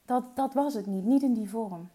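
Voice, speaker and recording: Earnest, mellow-voiced woman coaching. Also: on the high side, moderate pace. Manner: earnest and coaching, drops into soft whispers; mixes English phrases into her speech. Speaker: entrepreneur and mindset coach. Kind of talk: motivational talk.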